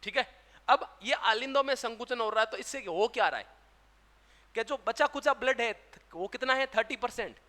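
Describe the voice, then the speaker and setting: A man's voice: extremely high pitch, moderate pace, bright, forceful tone. A man teaching a classroom lecture with a Rajasthani Hindi accent, who keeps asking questions and answering them himself. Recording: long hall reverb.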